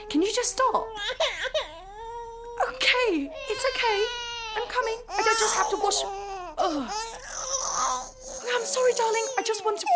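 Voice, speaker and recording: A woman doing a shrill, frazzled mother cooing at her baby. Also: heavy background noise. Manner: high, breathless baby-talk, pleading.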